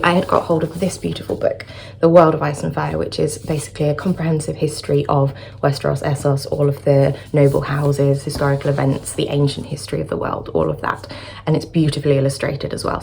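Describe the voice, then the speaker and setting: A woman's voice: low-pitched, gravelly, darkish tone. A woman chatting enthusiastically in a casual vlog, recorded in a hotel room by a busy road with traffic noise. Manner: enthusiastic, gushing. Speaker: book vlogger.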